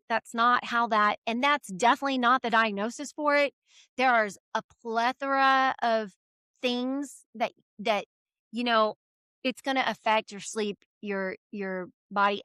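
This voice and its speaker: A middle-aged woman chats as an interview guest, telling family stories and acting out every voice in them. Her voice is bright and a little high. The sound is dry and close. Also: no room sound. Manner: animated storyteller acting out quoted voices. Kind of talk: casual chat.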